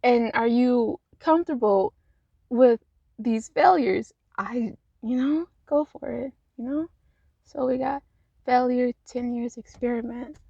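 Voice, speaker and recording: A woman with a fairly high but mellow voice talks through casual advice, rambling and filling gaps with "like" and "you know". The sound is dry and dull, lo-fi phone audio from inside a parked car. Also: slow pace, gravelly, husky, no room sound. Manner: rambling, chatty, laughs often, lots of fillers. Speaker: vlogger.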